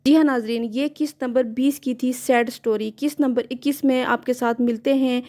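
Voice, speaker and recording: Flat-voiced woman narrating a drama recap. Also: high-pitched, moderate pace. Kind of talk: scripted episode recap narration.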